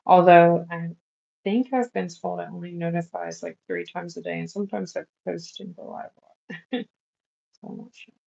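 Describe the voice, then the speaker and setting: A woman's voice: lowish voice, fairly even intonation, moderate pace, gravelly, warm tone, highs cut off. A woman livestreaming as she does nails, chatting casually in a rambling, easygoing way with lots of fillers. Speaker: nail art livestreamer. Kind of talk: casual livestream chat while working.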